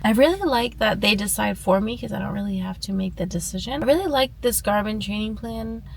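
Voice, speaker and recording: Young female fitness vlogger, conversational and informal, gravelly fry, light ambient noise in the recording. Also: medium pitch, brisk. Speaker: running vlogger. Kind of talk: casual vlog talk.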